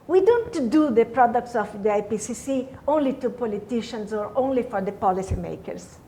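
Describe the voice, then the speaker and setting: A woman's voice: on the high side, a little mellow, a little hiss or hum. A woman speaking as a scientist on a panel, hesitant, with many "you know"s and "uh"s. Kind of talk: panel discussion remarks.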